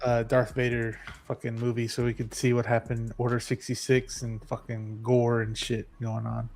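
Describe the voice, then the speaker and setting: A man's voice: medium pitch, completely flat delivery, normal speed, a little mellow. A man in casual chat, laid-back and slangy, swearing casually.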